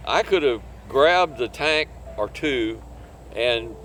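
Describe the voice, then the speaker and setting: An older man, a cave diver, telling a rescue story in an interview with a relaxed, rambling manner and chuckles between points. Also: medium pitch, takes it slowly, a little hiss or hum.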